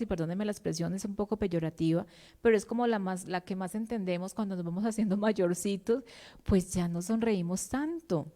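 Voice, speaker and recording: Woman psychologist, mellow voice. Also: mid-range voice. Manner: conversational, explaining, addresses listeners directly. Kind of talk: talk on emotional health.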